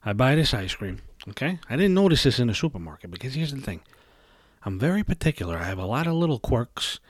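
A young man hosting a podcast, ranting in a casual, animated way and swearing constantly. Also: medium pitch, quick pace, no echo, clean studio sound. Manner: heavy swearing, animated storytelling. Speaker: podcast host. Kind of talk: casual profane rant.

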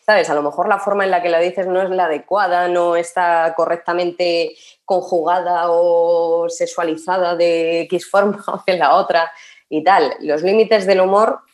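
A woman's voice: fairly low pitch, fairly even intonation, unhurried. A woman, a guest in a casual conversation who talks emphatically and repeats words for stress. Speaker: podcast guest.

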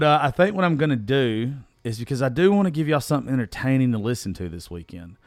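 A man with a Southern US accent hosts a solo podcast, his mid-range voice clean and recorded in a clean studio with no room sound. He talks in a casual, rambling, folksy and profane way, and his voice is strained from having recently lost it.

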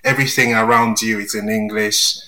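A man talks as a guest on a casual podcast. His voice is bright and forward, and he takes his time, pausing often with "um" between thoughts. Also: fairly low pitch, flat delivery, reverberant, low-quality recording. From Nigeria.

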